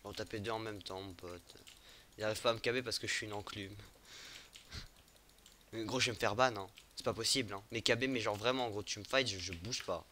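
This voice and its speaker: A man's voice: fairly low pitch, a little fast, sharp tone. A young man chatting casually while gaming, swearing and griping in slang like a raging gamer. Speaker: gamer recording online PvP gameplay. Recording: clearly noisy, keyboard and mouse clicks.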